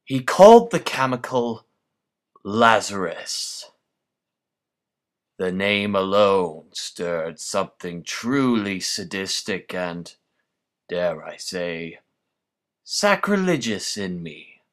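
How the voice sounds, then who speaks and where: Slow, sadistic Scarecrow villain. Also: male voice, low-pitched, sing-song, exaggerated voice. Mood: menacing, grandiose. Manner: menacing scarecrow voice, slow, pompous, florid and deliberate. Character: sadistic, grandiose scarecrow villain, a mad male scientist. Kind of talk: theatrical villain monologue.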